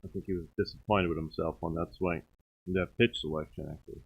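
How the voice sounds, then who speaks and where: A man's voice: deep voice, fairly even intonation, creaky, husky. A man with a New York accent giving easygoing, analytical color commentary on a baseball game. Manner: analytical, easygoing, a little halting. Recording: tinny phone-like stream audio.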